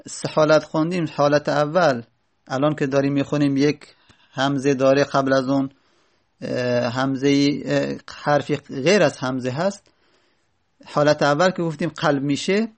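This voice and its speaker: A man teaching a lesson, reading short lines of a grammar text and then explaining them step by step, often asking and answering his own questions. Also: fairly high pitch.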